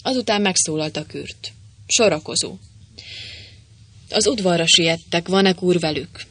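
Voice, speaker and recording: A reader narrating a comic adventure novel aloud, with playful, lively voicing of the dialogue. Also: medium pitch, breathy edge, dry recording. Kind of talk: audiobook narration with character voices.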